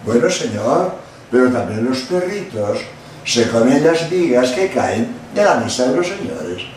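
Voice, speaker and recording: A man quoting a humble woman who answers meekly in a sermon, in a soft, lowered voice. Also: very animated, a little slow, a little hiss or hum, full character voice. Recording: echoey hall, voice from far off.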